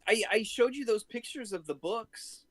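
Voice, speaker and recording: Wry, slightly high American dad, grumbly casual chat. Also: male voice, animated, normal speed. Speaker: co-host, a parent.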